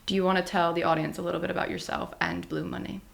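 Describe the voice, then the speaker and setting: A woman's voice: on the low side, fairly even intonation, fast talker, gravelly. A woman hosting an interview podcast, asking questions and encouraging her guest with short replies. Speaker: podcast host. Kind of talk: casual interview chat.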